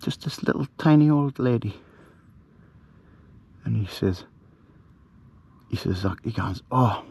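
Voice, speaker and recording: A middle-aged man, telling a ghost story in a hushed, rambling way with many fillers, camping outdoors at night. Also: medium pitch, animated, slow, creaky, long pauses, breathy edge. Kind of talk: casual storytelling to camera.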